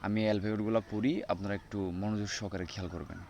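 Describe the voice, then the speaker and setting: A man teaching an English pronunciation lesson, going slowly through the alphabet letter by letter. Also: lowish voice, fairly even intonation, creaky, darkish tone, a little hiss or hum. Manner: slow, spells out letters one by one. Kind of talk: spoken language lesson.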